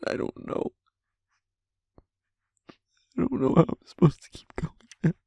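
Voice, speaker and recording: Playing a werewolf pack leader weighed down by guilt, a man confides in his partner in an intimate audio drama, his delivery halting, heavy, and emotionally raw. The voice is a little mellow and only lightly acted, recorded with no room sound, as he breaks down in tears.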